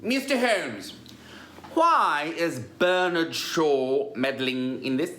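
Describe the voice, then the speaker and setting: An actor playing an ailing, proud older male composer who speaks in a measured, formal way but flares up quickly. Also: mid-range voice, big pitch swings, sharp tone, reverberant, slight background noise, heavily acted. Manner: measured, formal, easily agitated. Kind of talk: amateur online musical reading.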